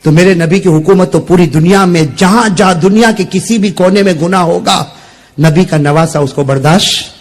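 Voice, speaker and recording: A man from India preaching an impassioned sermon to a gathering, quizzing the crowd and swinging from quiet talk to loud crying shouts. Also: high-pitched, moderate pace. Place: gathering before an audience.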